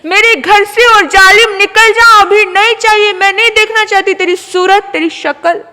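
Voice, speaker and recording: A woman voicing a furious young woman who scolds and shouts at her lover. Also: extremely high pitch, fairly even intonation, a little slow. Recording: long hall reverb.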